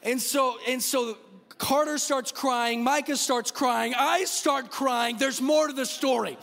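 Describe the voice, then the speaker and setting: A man in his thirties preaching a sermon from a church stage, a lively, joking storyteller who talks straight to the crowd. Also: extremely high pitch, slow pace, vocal fry. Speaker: pastor. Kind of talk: sermon with personal stories. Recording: long hall reverb.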